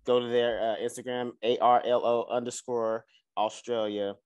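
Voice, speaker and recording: A man's voice: medium pitch, level tone, normal speed, a little mellow, clean tone. A man co-hosting a podcast in casual chat, laid-back and slangy, swearing freely. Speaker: podcast co-host.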